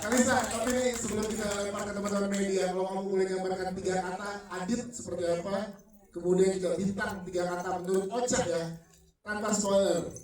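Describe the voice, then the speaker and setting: A man's voice: sits high, darkish tone. A man, casually hosting a press event. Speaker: event host. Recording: echoey hall, distant mic, crowd.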